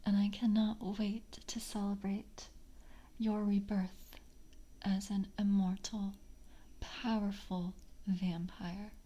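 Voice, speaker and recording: Speaking at medium pitch in a level tone, a woman roleplays a composed, seductive vampire of a coven for ASMR. Her breathy, soft whisper is slow, formal and intimate, her mood pleased and inviting, and the recording sounds muffled.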